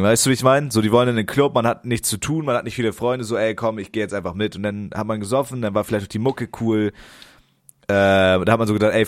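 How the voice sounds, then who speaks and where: A man's voice: on the low side, dry recording, clean studio sound. A young man co-hosting a podcast, telling rambling stories in loose slang. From northern Germany. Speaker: podcast co-host. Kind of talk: casual chat.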